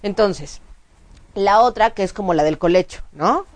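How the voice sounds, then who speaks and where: A woman's voice: mid-range voice, moderate pace. A woman, co-hosting a casual chat show and explaining points at length with frequent restarts. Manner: animated, explanatory, many restarts and fillers. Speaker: co-host.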